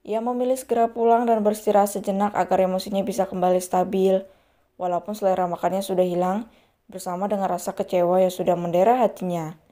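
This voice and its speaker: A woman's voice: mid-range voice, steady tone, fast, mellow. A woman narrating an audio novel, reading every character in much the same voice. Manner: reads all characters in one voice. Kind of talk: scripted story narration.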